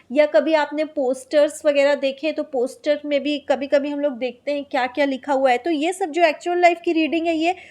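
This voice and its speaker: A woman teacher, explaining exam material in Hindi. She reads out lines from her notes slowly and asks and answers her own questions. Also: high-pitched. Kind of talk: exam-prep lecture.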